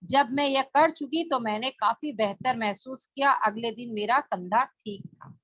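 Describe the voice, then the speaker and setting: A woman's voice: fairly high pitch, unhurried, a bit bright, no echo. A woman leading a spoken book study, explaining plainly with rhetorical questions. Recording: dull lo-fi dry recording.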